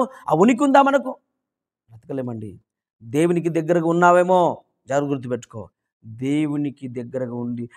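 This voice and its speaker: A man preaching a morning devotional sermon with emphatic rhetorical questions, swinging between loud appeals and hushed lines. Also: fairly high pitch. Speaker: pastor.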